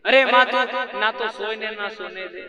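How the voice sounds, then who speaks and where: A man playing a proud, irritable king who complains loudly and indignantly. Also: high-pitched, fairly even intonation, measured pace, reverberant, a crowd in the background. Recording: loud instrumental music behind.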